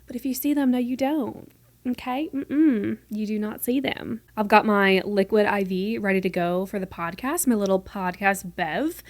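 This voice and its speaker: This medium-pitched woman in her twenties from North Carolina hosts a casual solo podcast from her room, with no echo. She's chatty, fast-talking and playful, her mostly neutral American accent occasionally slipping into a light Southern lilt.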